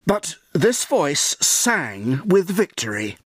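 A man narrating a scripted storybook in a measured, solemn way. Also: a little high, very animated, no echo, clean studio sound.

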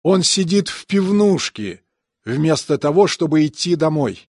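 A man's voice: fairly high pitch, unhurried, dry recording, studio quality. A man reading translated example sentences evenly and carefully for a language course. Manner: even, careful enunciation. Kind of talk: scripted phrase reading.

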